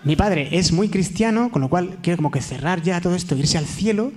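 A young man performing a live stand-up monologue, telling stories with hushed whispers and sudden loud bits. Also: high-pitched, expressive, fairly quick. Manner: storytelling, swings between hushed whispers and loud sung bits. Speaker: stand-up comedian. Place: theater stage before a live audience.

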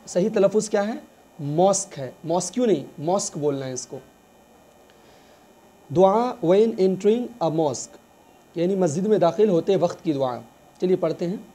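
Male English tutor, high mellow voice, slow repetitive drilling style. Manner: repeats words slowly, quizzing the listener. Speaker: English teacher. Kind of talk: slow bilingual reading lesson.

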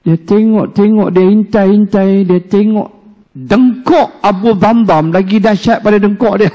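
A male religious teacher, giving an animated, joking storytelling lecture in a mosque. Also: high voice, measured pace, dull audio. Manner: animated storyteller, jokes, acts out quoted speech. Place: mosque hall. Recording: reverberant mosque hall.

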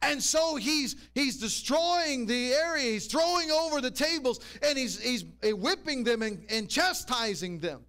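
A man's voice: very high-pitched, lively intonation, measured pace, hardly any pauses, bright, forceful tone. A man preaching a sermon in a church, walking the congregation through scripture and checking in with rhetorical questions. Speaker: pastor.

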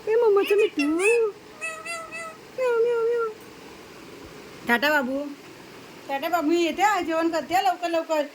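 A woman with a very high, thin voice chats in baby talk to her pets at home. Her delivery is sing-song and coaxing, with words repeated again and again, over a faint hum of background noise. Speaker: pet owner vlogger.

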